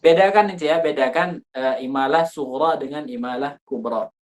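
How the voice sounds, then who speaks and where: A man leads a recitation lesson in a relaxed, chatty way. He searches for words aloud and breaks into sung examples of how the vowels should sound. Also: mid-range voice, normal speed. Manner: informal, thinks aloud with fillers, demonstrates vowel sounds. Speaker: Quran recitation teacher. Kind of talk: explaining recitation rules in a class.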